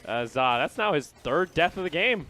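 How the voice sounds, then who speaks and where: A man's voice: on the high side, expressive, normal speed, bright, forceful tone, a little hiss or hum. A young man casting a live esports match, chatting casually with his co-caster.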